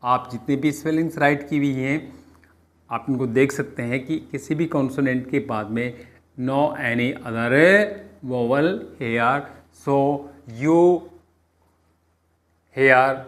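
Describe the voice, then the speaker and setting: Very slow-speaking Indian man teaching phonics. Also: mid-range voice. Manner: switches between halting English and Hindi explanation; slow, deliberate, with many pauses and fillers. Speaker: coaching class teacher. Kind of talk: classroom phonics lesson.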